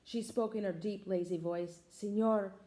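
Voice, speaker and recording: A woman's voice: medium pitch, a little slow, dark tone, echoey room, low-quality recording. A woman reading a picture book aloud to children, stopping to ask her listeners questions. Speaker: storybook reader.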